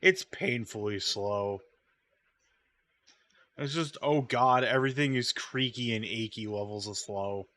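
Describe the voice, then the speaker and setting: A sleepy, yawning gaming streamer with a mid-range, slightly bright voice chats casually and rambles while he plays, humming idly as he waits. He speaks unhurriedly, and there's no echo.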